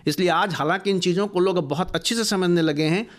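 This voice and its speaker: A man's voice: high voice, quick pace. A man being interviewed in a radio studio, speaking earnestly about education and listing ideas at length. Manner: earnest, explanatory, builds long lists of values.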